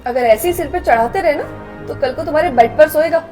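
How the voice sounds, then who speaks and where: A woman's voice: high-pitched, quick pace, darkish tone, faint music behind. A young woman acting in a scripted skit, talking in a scornful, scolding, arrogant way. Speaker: actress in a short drama.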